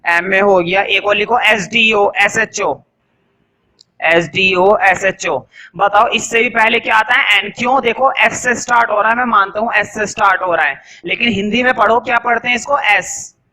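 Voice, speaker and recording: Lively, bright-voiced man teaching a class. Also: high-pitched, moderate pace, poor audio. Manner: lively, asks the class questions and answers them himself. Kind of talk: classroom grammar lesson. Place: classroom with a board.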